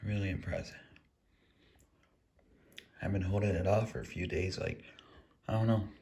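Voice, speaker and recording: A man casually reviewing a frozen meal while eating, rambling in a relaxed way. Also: sits low, brisk. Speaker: food reviewer. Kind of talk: casual food review vlog.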